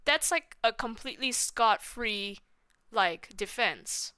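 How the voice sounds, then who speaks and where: A woman streamer giving casual commentary on a game she is playing, sarcastic and blunt, with loud laughs and swearing. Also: a little high, lively intonation, slow, clean tone, dry recording.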